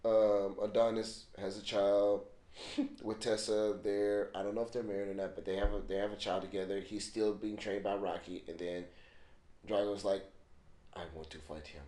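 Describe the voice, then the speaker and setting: A tired, laid-back man chatting casually about films, his voice sitting fairly low. He talks in an easy, joking way. The room around him is echoey. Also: flat delivery, normal speed, mellow. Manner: laid-back, jokey, puts on voices when retelling. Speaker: podcast co-host. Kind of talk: casual film chat.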